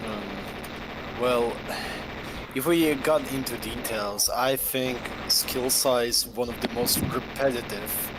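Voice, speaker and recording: A man's voice: mid-range voice, slow pace, very noisy. A man with a Russian accent in a casual gaming voice chat, giving blunt, harshly critical opinions. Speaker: stream guest.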